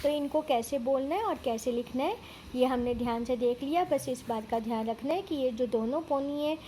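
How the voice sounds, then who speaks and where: A woman's voice: high voice, normal speed, warm tone, slight background noise. A woman teaching children Hindi vowel signs, sounding out syllables patiently and explaining words, mixing in English terms. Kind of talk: slow, careful Hindi lesson for children.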